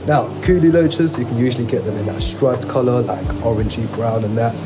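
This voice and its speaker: A man's voice: mid-range voice, a little fast, noisy background. A man hosting a hobby vlog in an enthusiastic, colloquial style, talking straight to his viewers. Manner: colloquial, addresses viewers directly. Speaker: host of an aquarium hobby channel. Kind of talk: enthusiastic casual vlog narration.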